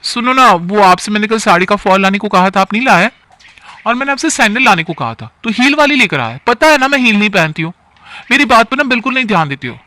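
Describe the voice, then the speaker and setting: A man's voice: sits high, sing-song, fast, sharp tone, dry recording, voice pushed up, heavily acted. A man voicing an irritable, headstrong young wife in a storybook tale, sulky and complaining.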